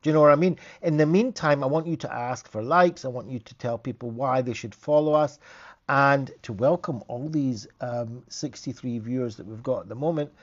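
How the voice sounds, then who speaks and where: A man's voice: mid-range voice, moderate pace, lo-fi sound. A man, a therapist hosting a casual live stream, talking in a chatty, rambling way with frequent restarts.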